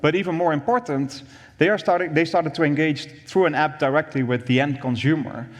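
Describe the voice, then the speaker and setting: A man's voice: a little high, fairly quick. Man explaining at a conference. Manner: explanatory, repeats words while thinking. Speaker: industry VP presenting. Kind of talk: conference presentation. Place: conference room on stage. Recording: long hall reverb.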